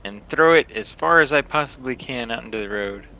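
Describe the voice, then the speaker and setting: Bright-voiced man chatting at a game table. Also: medium pitch, lively intonation, brisk, gravelly, dull audio. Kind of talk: casual table chat.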